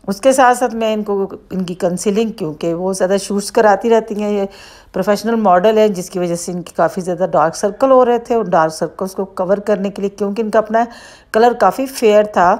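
A woman's voice: medium pitch, darkish tone. A woman with a Pakistani Urdu accent, a makeup artist who talks through each step of a bridal look in a chatty tutorial voice-over. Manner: chatty, explains each step as she goes.

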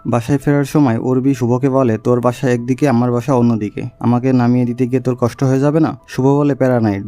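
A man quickly retelling a drama's plot as a narrator, reading every character's lines himself. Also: mid-range voice, fairly even intonation, warm tone, no echo.

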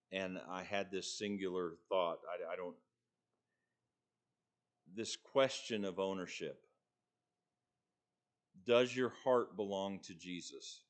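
Slow, earnest male pastor preaching. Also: deep voice. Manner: earnest, deliberate, pausing between phrases. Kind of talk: sermon. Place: church sanctuary, at a pulpit.

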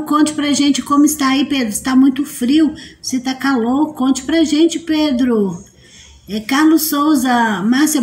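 A woman's voice: high voice, darkish tone. A woman hosting a casual live stream, reading out viewer comments, greeting people by name and teasing them playfully.

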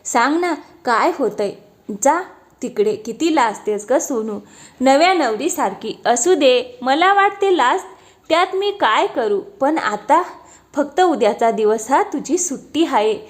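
A woman's voice: high voice, lively intonation, measured pace. A woman voicing a playful, affectionate young husband who teases his wife. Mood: teasing. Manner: teasing, affectionate.

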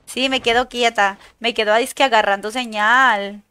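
A young woman from Chile streaming a game, chatting excitedly, swearing at opponents and greeting viewers. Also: a little high, moderate pace, smooth, dry recording. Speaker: gaming streamer. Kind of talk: casual live-stream chat while gaming.

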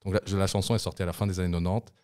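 A man's voice: deep voice, level tone, racing, a little mellow. A young man co-hosting a casual podcast in a studio, joking around and breaking into bits of song. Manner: playful, breaks into snatches of song. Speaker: podcast co-host.

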